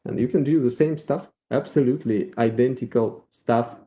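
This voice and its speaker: A man with a Russian accent giving a live software demo at a meetup, thinking aloud with halting restarts. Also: mid-range voice. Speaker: featured speaker at a developer meetup.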